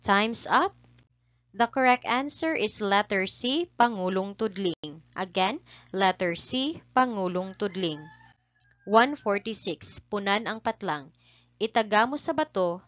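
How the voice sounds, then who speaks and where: A woman's voice: medium pitch, expressive, slow pace, fairly bright tone, dry recording, muffled recording. A woman teacher with a Filipino accent reads review quiz questions and answers aloud, repeating each answer twice in a polite tone. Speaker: teacher running an exam review.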